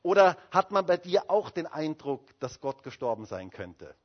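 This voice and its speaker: A man's voice: on the high side, sing-song, normal speed. Emphatic male pastor preaching. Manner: emphatic preaching, rhetorical questions to the congregation. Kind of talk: sermon. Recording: dull lo-fi sermon recording.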